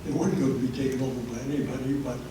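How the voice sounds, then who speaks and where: A man's mid-range voice comes across flat and rapid-fire over a noisy background as he presents a public history talk, peppered with hesitant fillers. The recording, made through a handheld microphone occasionally held low, captures an echoey meeting room from far away.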